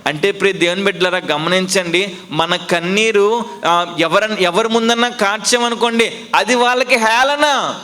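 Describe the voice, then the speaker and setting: A male pastor with a high, bright voice preaches at a moderate pace and a steady tone. Emphatic repetition, rhetorical questions and call-and-response power his sermon.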